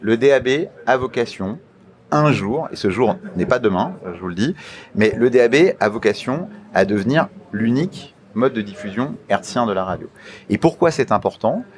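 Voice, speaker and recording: With a French accent, an animated, medium-pitched voice and a normal pace, a man responds to a radio interviewer in his role as a media regulator official. His talk is formal and explanatory, and he often repeats words while working out what to say.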